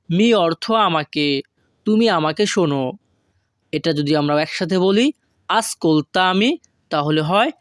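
A man from Bangladesh giving a language lesson, breaking phrases down and drawing out each foreign word slowly. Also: high-pitched, clear, resonant tone, dry recording, clean studio sound. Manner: slow, drawn-out word-by-word pronunciation of foreign phrases. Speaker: language teacher.

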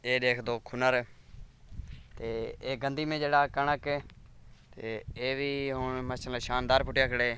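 A man's voice: medium pitch, flat delivery, a little slow, pushed and bright, clear, resonant tone. A man with a Saraiki accent, vlogging casually from outdoor farm fields on a phone camera and rambling on to his viewers. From Pakistan. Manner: rambling, chatty, keeps asking viewers to subscribe. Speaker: village vlogger. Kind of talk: casual walking vlog.

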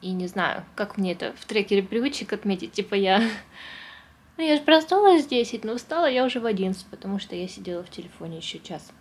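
A woman's voice: medium pitch, a little fast, breathy edge. A woman vlogger with a lisp, saying a slushy sh for s, chatting casually and informally about her day.

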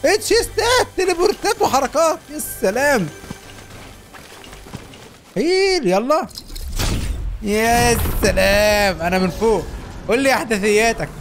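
A young man with an Egyptian Arabic accent, hosting a gameplay video in a fast, laughing banter. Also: very high voice, faint music behind. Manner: animated, laughing, quick banter. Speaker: gaming YouTuber. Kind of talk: excited gameplay chat.

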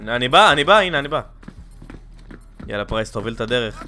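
A twenty-year-old man hosting a let's play, giving excited commentary into a headset and bursting into loud exclamations. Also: medium pitch, faint music behind. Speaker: gaming channel host. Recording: gunfire and game sounds loud behind.

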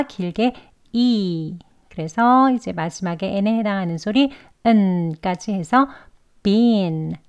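A woman's voice: mid-range voice, a little mellow, highs cut off. Patient woman teaching pronunciation. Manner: clear, patient step-by-step explaining with drawn-out model words. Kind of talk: pronunciation lesson.

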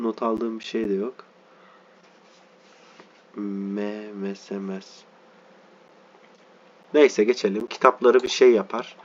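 Low-voiced guy teaching a reading class, goes word by word, kinda dull lo-fi sound. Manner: reads word by word, stops often to spell out letters and explain meanings. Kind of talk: reading lesson, slow and explanatory.

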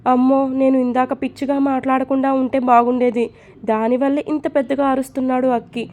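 An anxious young wife in a storybook, voiced by a woman narrator, pleading and fretting. The voice is high and light. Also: little pitch movement, brisk, darkish tone, lightly acted.

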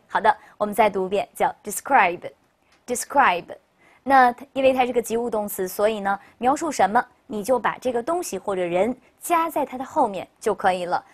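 A woman teacher leads a recorded English vocabulary lesson, explaining in Chinese in a bright, chatty way. She often drops in a cheerful "OK" as she moves on. When she models a word, she stretches it out slowly so learners can repeat after her. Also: medium pitch. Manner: upbeat, chatty classroom delivery with frequent "OK, 好的".

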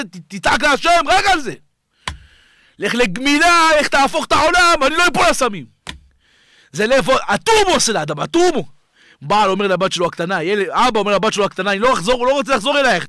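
A rabbi preaching a fiery sermon, shouting and pleading, swinging between loud cries and hushed tones. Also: male voice, very high-pitched, no room sound, clean studio sound. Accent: Israeli Hebrew. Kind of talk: impassioned sermon.

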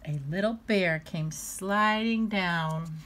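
A woman reading a children's storybook aloud, expressive and lively. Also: lowish voice, slow, a little hiss or hum. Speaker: storybook reader.

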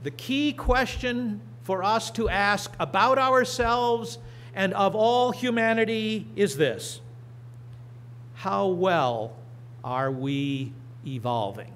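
A middle-aged man preaching and reading scripture from a church lectern, slow and deliberate with emphatic rises. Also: high voice, fairly bright tone. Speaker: pastor. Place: church sanctuary. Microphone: lectern microphone.

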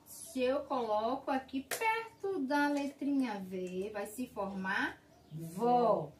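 A woman with a Brazilian Portuguese accent teaching a kindergarten class, drawing out each syllable slowly for small children. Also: on the high side, animated, roomy sound, recorded from a distance, slight background noise. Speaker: preschool teacher. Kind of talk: slow sing-song kindergarten lesson. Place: school classroom.

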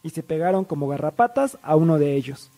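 A young man narrating an animated storytime in a lively, self-mocking way, acting out other people's lines. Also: fairly high pitch, fairly quick.

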